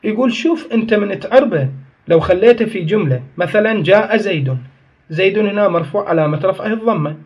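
A man's voice: sits high, animated, fast, darkish tone, slightly rough, highs cut off. A man teaching a grammar lesson, explaining step by step, asking and answering his own questions and correcting himself as he goes. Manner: corrects himself mid-sentence.

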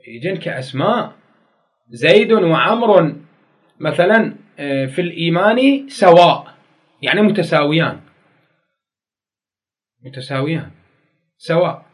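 A male teacher with an Iraqi Arabic accent lectures a class on grammar in a high-pitched voice. His delivery rises and falls widely, full of animation. He drives each point home by saying it twice and asking the students questions. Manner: explains by repeating key phrases, asks students questions.

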